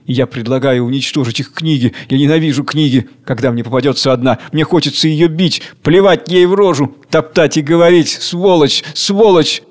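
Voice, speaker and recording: A man's voice: a little high, fairly quick, hardly any pauses, close to an everyday voice. A man voicing a red-faced old man who rants with spite at a meeting of the poor. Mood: spiteful. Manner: ranting, spiteful.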